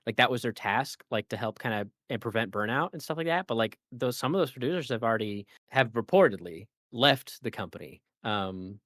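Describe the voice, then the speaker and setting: A man co-hosting a casual gaming podcast, talking in a rambling, animated way with lots of fillers and restarts. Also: medium pitch, brisk, hardly any pauses, dry recording, clean studio sound. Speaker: podcast co-host.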